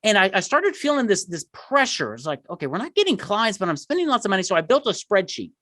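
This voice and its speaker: A middle-aged man chatting as a podcast guest, with very lively pitch swings. His delivery is emphatic and self-deprecating, and the sound is dry and close. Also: fast, dry recording. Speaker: podcast guest, marketing entrepreneur. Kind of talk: conversational interview storytelling.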